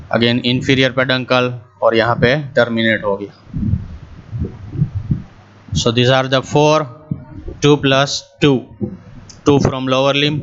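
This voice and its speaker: Man, anatomy teacher, very slow, flat delivery, smooth clear voice, slightly muffled recording. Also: mid-range voice. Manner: mixes Hindi and English, walks through a diagram step by step. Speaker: anatomy lecturer. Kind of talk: slow, deliberate medical lecture.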